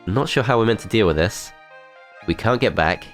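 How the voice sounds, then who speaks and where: With a lowish, nasal voice congested by a cold and a stuffed nose, this man provides let's play commentary on a strategy game. He thinks aloud in a calm, methodical way at normal speed. Faint music plays behind him.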